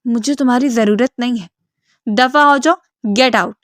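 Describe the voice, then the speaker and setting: A woman's voice: on the high side, no room sound, clean studio sound, lightly acted. A woman voicing an angry, bitter divorced man in his thirties who scolds harshly.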